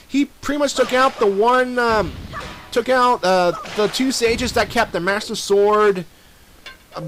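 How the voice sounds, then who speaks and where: A man's voice: high-pitched, fairly bright tone. A young man giving casual let's play commentary, rambling with many fillers and restarts and talking straight to the villain.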